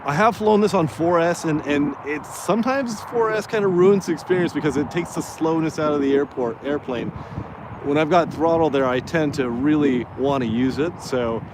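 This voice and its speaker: A man's voice: fairly high pitch, normal speed. Man chatting casually through windy outdoor noise. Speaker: radio-control plane vlogger. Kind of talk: casual live commentary while flying a model plane. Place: outdoors by a road in wind. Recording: noisy windy outdoor recording with vehicle sound. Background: wind and outdoor motor noise.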